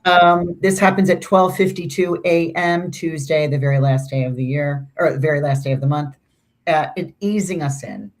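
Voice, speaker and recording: Low-voiced chatty woman astrologer. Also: normal speed. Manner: chatty, rambling, with restarts and asides. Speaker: astrology podcast co-host. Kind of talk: casual conversational astrology discussion.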